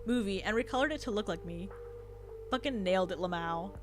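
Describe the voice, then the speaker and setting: A woman's voice: mid-range voice, lively intonation, brisk, over music, voice pushed down, natural voice. Woman doing a smug Valley Girl young streamer. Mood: smug, casual. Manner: Valley Girl drawl, slangy internet speak.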